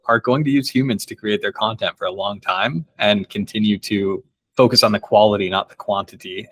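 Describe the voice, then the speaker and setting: A man who is a company co-founder, guest on a podcast, speaking in a relaxed, casual way with some mild swearing. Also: fairly low pitch, no echo. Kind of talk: casual interview chat.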